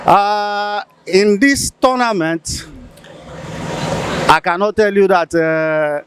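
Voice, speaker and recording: Measured fan analyzing a match. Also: male voice, high-pitched, noisy background. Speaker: football fan.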